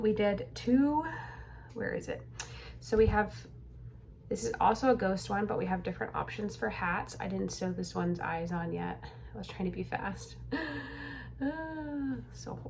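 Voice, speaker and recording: A woman's voice: medium pitch, gravelly, slight background noise. A young woman vlogging casually from a room at home, rambling with lots of fillers and slightly out of breath. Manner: rambling, chatty, filler-heavy. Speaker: crochet pattern designer vlogger. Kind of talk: casual vlog chat. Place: home room being cleared out.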